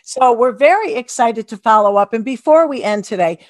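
A woman's voice: on the high side, lively intonation, moderate pace, no echo. A woman hosting a podcast over a video call, talking in a gushing, upbeat way. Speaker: podcast host. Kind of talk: casual interview chat.

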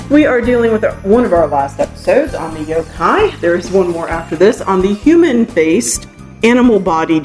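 Woman talking into a handheld recorder. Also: fairly low pitch. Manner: chatty, rambling, laughs now and then. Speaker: podcast host. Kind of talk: casual solo podcast talk.

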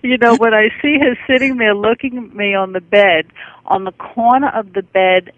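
A woman's voice: fairly high pitch, steady tone, normal speed, no room sound. A middle-aged woman, a guest in an interview, chatting effusively and rambling through her stories. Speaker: guest, dog owner. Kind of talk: casual interview chat. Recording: tinny phone-line radio audio.

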